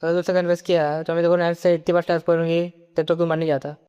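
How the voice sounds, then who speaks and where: A man's voice: on the high side, flat delivery, racing, dark tone, clean tone, dull audio, close to an everyday voice. A man reading the curt, dismissive lines of a protective teenage schoolgirl in a comic recap.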